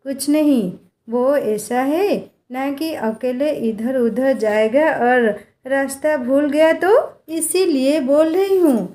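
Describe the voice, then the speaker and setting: A woman's voice: high voice, slow, mellow. A woman voicing a strict, worried village mother in a storybook tale, scolding and warning. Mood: stern. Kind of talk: storybook character voice.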